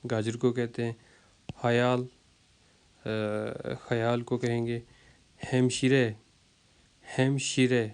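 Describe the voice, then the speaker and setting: A man teaches vocabulary at a slow, patient pace. He repeats each word to drill its pronunciation and leans on fillers while he explains. His voice is smooth and clear, and his pitch stays quite flat. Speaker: language teacher.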